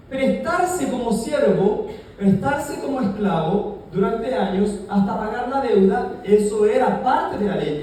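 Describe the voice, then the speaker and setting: A man preaching a lively, joking sermon and asking the congregation to answer back. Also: extremely high pitch, far from the mic, slight background noise. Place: large echoey church hall. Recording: very echoey hall, heard from afar.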